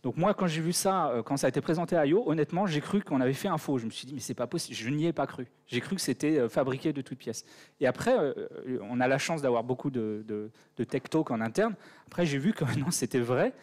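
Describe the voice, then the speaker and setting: A man with a French accent answers questions from the audience after his conference talk. His voice sits at an ordinary middle pitch, and he hesitates a lot, restarting sentences as he thinks. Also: animated, fast talker, darkish tone. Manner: hesitant, many fillers and restarts. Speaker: conference speaker. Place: conference hall.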